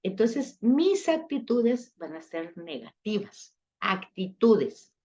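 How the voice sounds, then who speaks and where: A woman's voice: medium pitch, very animated, takes it slowly, mellow, dull audio. A woman leading a church study session, explaining patiently with everyday examples and speaking directly to her listeners. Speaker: Bible class teacher.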